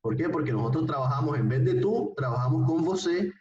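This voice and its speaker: A patient man teaching a live online class, mellow in tone and slowly repeating each phrase. He keeps checking that his students follow. The voice sits back from the mic in a roomy space. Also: fairly high pitch, expressive. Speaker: language teacher. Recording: roomy, distant, dull online-call recording.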